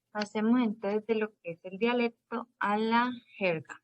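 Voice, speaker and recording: A woman teacher lectures in a measured, explanatory way, sometimes pausing with small hesitations. Her voice sits at a middle pitch. The recording is dry, with no room sound. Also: no room sound. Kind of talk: classroom lecture.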